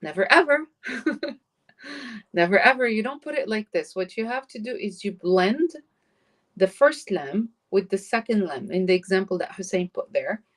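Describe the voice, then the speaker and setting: Teaching a live online Arabic class, a woman patiently explains grammar, moving back and forth between English and Arabic. Her medium-pitched voice is animated, slow, and a little mellow, picked up by a computer mic on a live stream.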